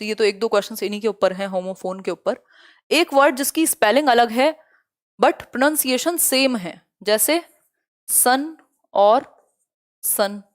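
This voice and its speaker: A lively young woman teaching an online exam-prep lesson. Her voice sits a little high. She mixes English terms into her explanations and keeps checking whether her students have understood. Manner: lively, asks students many check questions.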